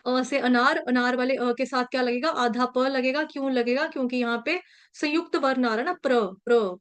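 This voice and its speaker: A woman teaching an online class, patiently drilling the pronunciation of a verse and repeating syllables slowly. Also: high-pitched, steady tone, a bit bright, smooth. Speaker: Sanskrit verse recitation teacher. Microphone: video call.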